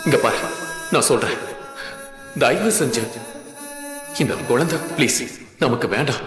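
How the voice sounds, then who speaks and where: Cold husband role, firm and flat, played by a man, echoey hall, loud music behind. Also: mid-range voice, a little slow, close to an everyday voice. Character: cold husband rejecting a child. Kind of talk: dubbed serial dialogue.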